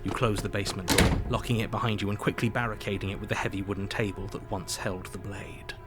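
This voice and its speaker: An actor playing the grave, exasperated male narrator of a dark fairy tale game, with measured, theatrical storytelling. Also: little pitch movement, lightly acted. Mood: grave, suspenseful. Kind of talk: dramatic second-person storytelling. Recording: loud game music and booming effects behind.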